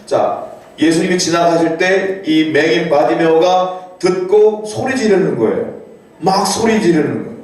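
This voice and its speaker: Guy preaching in a church, kinda high voice, gets loud for emphasis, big echo, sounds far off. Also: a little slow. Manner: animated preaching, rising to cries for emphasis, reads scripture aloud. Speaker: pastor. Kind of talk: sermon. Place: church sanctuary. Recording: very echoey church hall, voice from far off.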